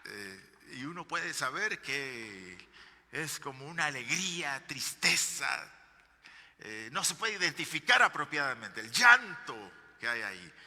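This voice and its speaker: A man preaching a sermon as pastor, fervently addressing his congregation and swinging between hushed and emphatic passages. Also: mid-range voice, very animated, measured pace, long reverb tail. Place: church sanctuary.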